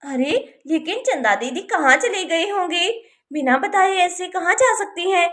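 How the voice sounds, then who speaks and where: A woman's voice: very high-pitched, animated, measured pace, sharp tone, full character voice. A woman voicing a kind, caring young village woman in a doll story, speaking politely and soothingly. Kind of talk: Hindi doll-story voice acting.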